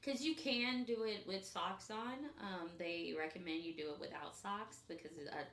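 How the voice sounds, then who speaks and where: Speaking at a moderate pace in a lowish, slightly bright voice, a Southern woman from Memphis co-hosts a podcast in a chatty, playful way. Her casual talk is full of "like" and "um," and the sound is reverberant.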